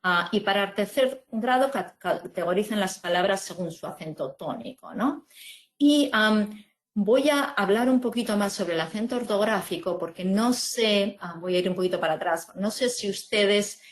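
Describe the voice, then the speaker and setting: A woman from presenting an online teaching webinar, explaining slowly with many fillers and tag questions. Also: mid-range voice. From Spain.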